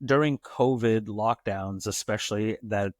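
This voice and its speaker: Heard in a clean studio recording with no room sound, this American man speaks unhurriedly in a lowish voice. As a podcast guest, he tells reflective stories with emphatic, philosophical force, developing his ideas in long runs.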